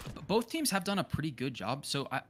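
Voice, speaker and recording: A man giving excited esports play-by-play commentary as a caster, in clipped, exclamatory live calls. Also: fairly high pitch, fast, noisy background.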